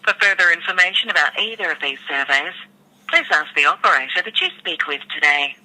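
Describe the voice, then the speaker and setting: Recorded phone menu announcer: very bright tone, formal, measured instructions. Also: mid-range voice, expressive, poor audio. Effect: recorded phone menu message. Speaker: automated helpline announcer.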